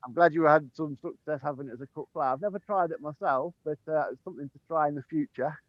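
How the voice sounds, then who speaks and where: The head gardener talks fast in a fairly high voice during a casual tour of a sunny garden, chuckling often between ums. He films on a handheld phone while walking, and the dry recording has its highs cut off.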